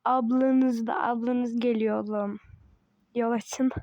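High-voiced woman chatting over gameplay. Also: level tone, takes it slowly, no echo, lo-fi sound. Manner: chatty and teasing, laughs often, talks to herself. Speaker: gaming channel host. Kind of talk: casual gameplay commentary.

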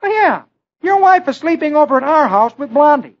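A man voicing a bumbling comic-strip husband with a high, whiny, squealing voice, on a scratchy old radio recording. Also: very animated, fairly quick, highs cut off, full character voice. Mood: sweet.

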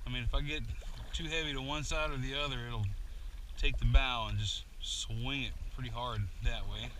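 A man's voice: medium pitch, steady tone, normal speed, pushed and bright, slight background noise. Chatty man narrating from a kayak. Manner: rambling, self-deprecating, chatty. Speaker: kayak angler vlogger. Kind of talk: casual narration while paddling. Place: outdoors on a kayak on a bay. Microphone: action camera mounted on the kayak.

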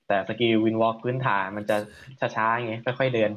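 A man chatting casually while gaming, with quick offhand remarks. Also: on the low side, little pitch movement, muffled recording. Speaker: gamer. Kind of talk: casual chat over gameplay.

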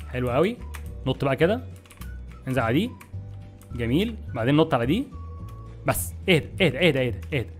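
A young man with an Egyptian Arabic accent, giving excitable, exasperated gameplay commentary to his viewers. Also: mid-range voice. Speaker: gaming YouTuber.

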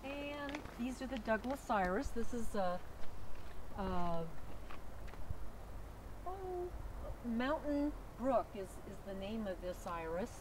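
A middle-aged woman guiding a casual walking tour of a garden, talking in a gentle, admiring way with many fillers. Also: on the high side, lively intonation, slow, long pauses. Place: outdoor botanical garden. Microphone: camera held by companion. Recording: outdoor noise on camera mic.

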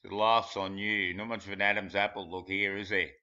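A man's voice: lowish voice, flat delivery, fairly quick, pushed and bright. A man mocking pictures in a rambling, crude commentary, laughing at his own jokes. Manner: crude and blunt. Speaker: conspiracy video commentator. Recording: dull lo-fi home recording.

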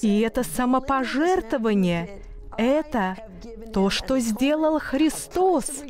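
Higher-voiced woman telling a faith story. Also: lively intonation, slow pace, a little mellow. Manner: earnest, storytelling voice-over. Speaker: guest minister.

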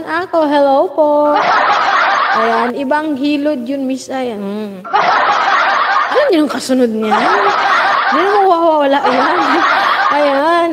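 Laughing, chatty Filipina livestream host. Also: female voice, high-pitched. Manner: laughing often, gossipy, chatty. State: lingering cough. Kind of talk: casual livestream chat reading comments. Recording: long reverb, loud background noise.

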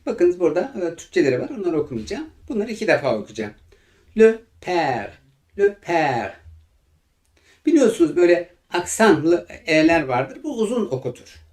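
Lively slow-drilling Turkish male teacher. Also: fairly high pitch. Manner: slow, careful repetition of example phrases. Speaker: language teacher. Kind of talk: explaining French vocabulary in Turkish.

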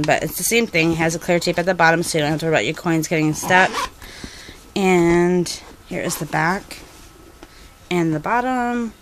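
Chatty young woman with a lowish voice. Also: a little hiss or hum. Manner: chatty, rambling, frequent ums. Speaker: duct tape crafter showing custom orders. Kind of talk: casual show-and-tell vlog.

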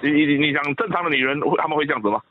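A man's voice: fairly high pitch, racing. A man with a Malaysian accent on a phone call, blunt and teasing, pressing his friend with questions. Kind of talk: casual phone chat. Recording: tinny phone line.

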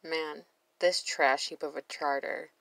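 A sassy woman hosting a reaction commentary, blunt and quick to swear. Her voice sits a little low, and the sound is close and dry with no room around it. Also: fairly even intonation, creaky, fairly bright tone, no room sound, poor audio. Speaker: reaction video host. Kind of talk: voice-over commentary on a reality show.

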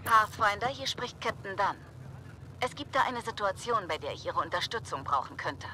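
An actor voicing a composed starship captain who calls in over a sci-fi communicator transmission in a German game dub, speaking in formal, brief requests. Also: male voice, high voice, normal speed, sharp tone, a little hiss or hum. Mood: urgent. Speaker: ship captain.

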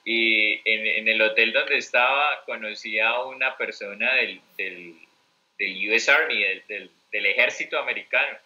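Colombian man, interview guest, chatty and rambling, sharp bright tone, low-pitched; fine for travel-story talk. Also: measured pace, poor audio. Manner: rambling, many fillers and restarts. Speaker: interview guest, mentor teacher.

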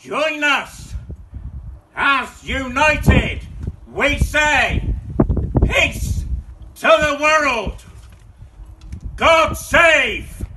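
A British man performing a town crier's cry outdoors, declaiming a loud ceremonial proclamation in short, measured phrases. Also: very high voice, animated, noisy background. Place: outdoors in a paved back garden. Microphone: phone or camera several metres away.

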